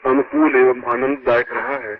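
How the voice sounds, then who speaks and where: A man giving a sermon as a spiritual guru to his disciples, emphatic and swooping between high and low, heard from an old worn tape recording. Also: flat delivery, normal speed. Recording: muffled hissy old tape.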